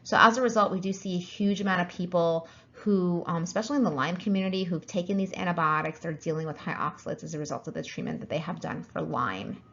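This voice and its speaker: Woman practitioner, low gravelly voice, explanatory with ums, slightly lo-fi audio. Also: fast talker, few pauses, fairly bright tone. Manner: explanatory, with frequent ums and self-corrections. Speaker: functional medicine practitioner. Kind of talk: educational health talk.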